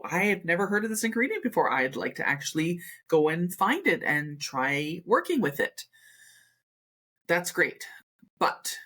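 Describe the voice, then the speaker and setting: Husky low-voiced woman ranting. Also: fairly bright tone. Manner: chatty, emphatic, rambling asides. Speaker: cooking channel host. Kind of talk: casual rant to camera.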